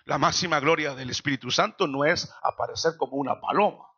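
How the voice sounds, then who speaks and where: A man preaching a sermon in a church, slowing down dramatically for quoted lines. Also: fairly high pitch, sharp tone, breathy edge, dull audio. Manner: dramatic preaching with slow emphatic quotations. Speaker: pastor.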